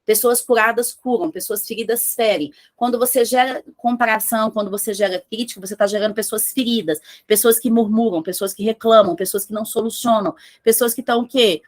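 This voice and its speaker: A woman's voice: fairly high pitch, fairly even intonation, a little fast, few pauses. Emphatic woman business mentor. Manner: emphatic, asks rhetorical questions, acts out listeners' questions. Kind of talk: motivational talk to entrepreneurs.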